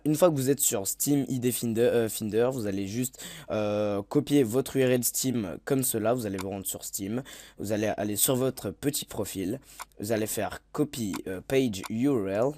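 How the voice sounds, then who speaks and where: A man's voice: fairly low pitch, mellow. A man giving a casual video game tutorial voice-over, hesitant, with many fillers and self-corrections. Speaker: gaming tutorial YouTuber.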